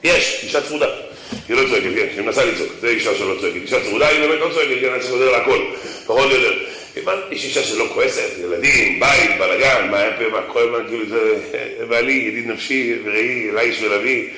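A man giving a humorous religious talk to an audience, animated and slangy, often repeating phrases. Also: mid-range voice, a little hiss or hum. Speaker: speaker to an audience. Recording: roomy echo.

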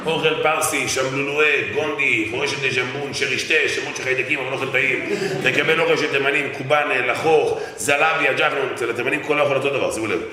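A man preaching a humorous sermon with parables, animated and joking, addressing the audience directly. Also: mid-range voice, few pauses, far from the mic, crowd noise. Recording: echoey hall, faint noise.

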